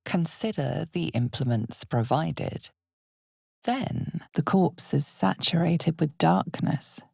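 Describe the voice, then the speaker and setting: With an exaggerated, gravelly near-whisper, she tells a dark fantasy game's story slowly and dramatically, setting down every phrase with care. Her low, husky delivery feels menacing and knowing, with a hint of wryness, and the recording is dry.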